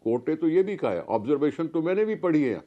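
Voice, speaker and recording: A man's voice: on the high side, big pitch swings, quick pace, lo-fi sound. A man with a Pakistani Urdu accent, a political guest making a heated, argumentative case on a talk show. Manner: forceful, rhetorical questions.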